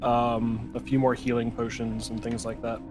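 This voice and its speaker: A man's voice: medium pitch, completely flat delivery, moderate pace, music in the background. A man chatting casually as a player in a tabletop roleplaying game.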